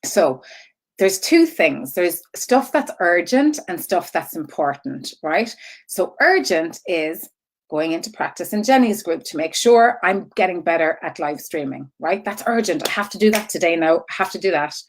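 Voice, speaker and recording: A woman's voice: fairly low pitch, animated, moderate pace. A woman coaching in an informal live-stream style, rambling off on tangents and circling back, repeating herself and checking in with listeners as she goes. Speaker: online business coach.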